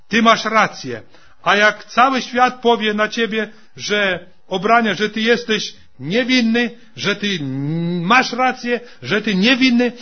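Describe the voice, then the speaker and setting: A man's voice: high-pitched, lo-fi sound. A man preaching a sermon to his congregation, repeating his points with emphatic calls and addressing them as brothers and sisters.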